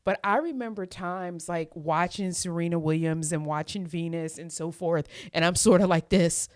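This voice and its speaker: A woman hosting a live sports watchalong, chatting casually to her viewers and getting excited as the score changes. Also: lowish voice, moderate pace, no echo, studio quality. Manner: excitable, talks straight to chat with "y'all" and "you guys". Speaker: host of a live watchalong stream. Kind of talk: casual live reaction chat. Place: home.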